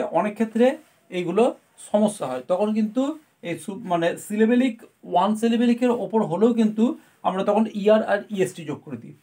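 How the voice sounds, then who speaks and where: Grammar teacher, woman, middle-pitched, patient step-by-step explainer who keeps checking that her students follow. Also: dark tone.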